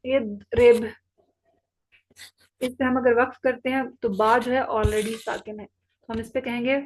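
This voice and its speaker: During an online Quran recitation class, a woman with a fairly high voice speaks in a flat delivery. She repeats every rule slowly and patiently and checks her students' understanding. The audio quality is poor.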